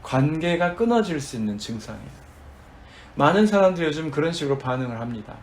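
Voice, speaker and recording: A man's voice: on the high side, very animated, quick pace. A man preaching a sermon as pastor, addressing the congregation and acting out dramatic quoted prayers.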